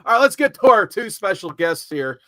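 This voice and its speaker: A man hosting a live comic-book stream, introducing his guests in a lively, upbeat casual chat over a home mic. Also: high-pitched, a little fast, no room sound, clean studio sound. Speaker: podcast host.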